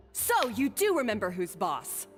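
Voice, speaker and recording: A defiant young head chef with a snappy, defensive edge. Her pitch leaps and dips and sits fairly high. A long reverb with faint music surrounds her. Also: huge pitch swings, slow, heavily acted.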